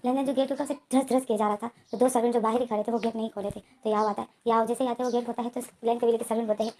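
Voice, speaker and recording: A woman's voice: a little high, little pitch movement, racing, a little mellow, a little hiss or hum. A woman narrating a story recap in a run-on retelling style, repeating names often.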